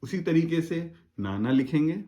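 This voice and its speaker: Slow, patient male shorthand teacher. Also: fairly high pitch, lively intonation, dark tone, muffled recording. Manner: slow, patient, spells out syllables one by one. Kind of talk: step-by-step tutorial explanation.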